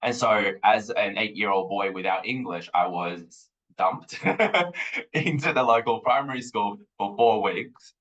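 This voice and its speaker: Heard through lo-fi sound, this thirtysomething educator from Taiwan has a fairly low pitch and a fairly bright tone. As a podcast interview guest, he reflects carefully, keeping a measured pace and filling pauses with plenty of ums.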